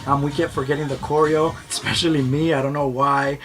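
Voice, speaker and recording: A man's voice: on the high side, level tone, brisk. A man narrating his vlog in a casual, upbeat and heartfelt way, often talking about trusting his heart. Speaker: vlogger. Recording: voice-over with loud music behind.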